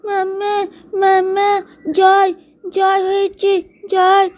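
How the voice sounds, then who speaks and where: Lady doing a sick whiny little kid, super high, teary and wobbly. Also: monotone, slow, darkish tone. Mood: whimpering. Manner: whimpering, tearful. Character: whiny crying little child. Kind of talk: doll-play storytelling.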